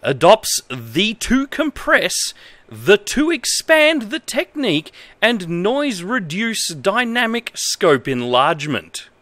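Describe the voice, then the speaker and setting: Reading aloud in a halting, funny way, an amused and emphatic Australian streamer in his thirties chats casually from a desk in an indoor room. He speaks slowly in a high, fairly bright voice with big swings in pitch, and there's no room sound.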